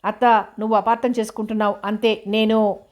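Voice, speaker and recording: A woman's voice: mid-range voice, level tone, a little fast, darkish tone, lightly acted. Woman reading as Janaki, tearful defiant young woman. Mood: pleading. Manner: pleading, tearful. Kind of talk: audiobook character reading.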